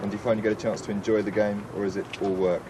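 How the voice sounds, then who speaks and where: A man's voice: fairly low pitch, little pitch movement, very fast. A man working as a reporter, narrating a documentary and asking interview questions. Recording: clear outdoor traffic noise.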